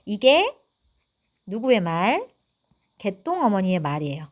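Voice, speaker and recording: A woman teaching literature in an online lecture, with a fairly high voice that rises and falls widely. She talks straight to her students in a chatty way, explaining the text and asking them questions as she goes. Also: very animated, moderate pace, fairly bright tone. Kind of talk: online exam-prep lecture.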